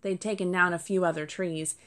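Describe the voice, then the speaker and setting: A woman narrating a children's storybook, gentle and speaking to the listeners directly. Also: lowish voice, steady tone, brisk.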